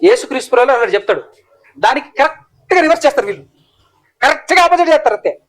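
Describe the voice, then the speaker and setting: A man's voice: very high-pitched, animated, racing. A male preacher, delivering a fiery, scolding sermon full of rhetorical questions.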